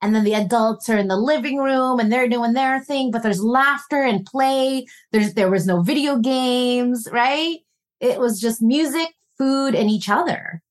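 At a measured pace and fairly high pitch, this woman tells family stories as a relationship coach in a podcast interview conversation. Of Filipino background and raised in North America, she comes across as earnest and reflective, often laughing warmly.

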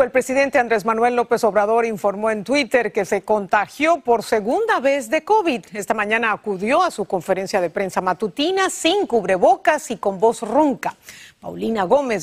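A woman anchoring a television newscast, introducing reports in a composed delivery. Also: fairly high pitch. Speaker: news anchor. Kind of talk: news anchoring.

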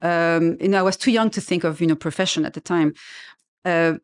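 A woman's voice: fairly low pitch, fairly quick, clean tone. A middle-aged woman from Lebanon, a publisher speaking as an interview guest, thoughtful and hesitant with many fillers and restarts. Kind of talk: reflective conversational interview.

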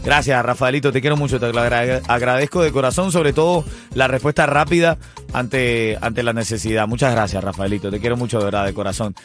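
A man hosting a morning radio show, energetic and playful. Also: mid-range voice, a little fast, soft background music. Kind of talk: lively radio banter.

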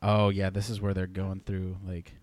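Excitable young man co-hosting a podcast. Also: sits low, normal speed, no echo. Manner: animated, rambling with restarts. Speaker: podcast co-host. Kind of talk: casual chat.

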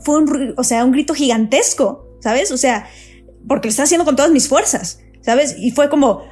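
A woman telling a story in casual chat, animated and full of repeated words and fillers. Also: high voice, brisk, faint music behind.

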